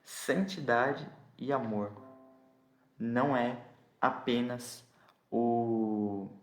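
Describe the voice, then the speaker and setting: Soft background music plays in an echoey room as a man speaks extremely slowly in a mid-range voice. With a Brazilian Portuguese accent, he preaches an expository sermon on a scripture passage, often asking "entendeu?" to confirm listeners understand.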